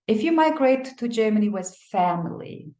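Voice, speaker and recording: A woman giving animated migration advice, telling stories and acting out the people she quotes. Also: medium pitch, moderate pace. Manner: expressive storyteller, acts out quotes, laughs. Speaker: migration advisor. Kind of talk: animated advice talk with anecdotes. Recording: echoey room.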